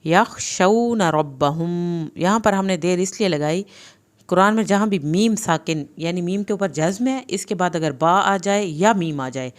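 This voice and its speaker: A woman with a low, smooth and resonant voice leads a tajweed lesson. She recites each phrase slowly, then explains each sound patiently, step by step. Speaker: Quran recitation teacher.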